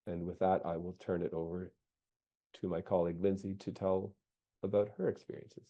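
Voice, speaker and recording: Man, deep, very mellow, measured webinar presenter, dull lo-fi audio. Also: flat delivery. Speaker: presenter on community benefit agreements. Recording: dull, band-limited audio.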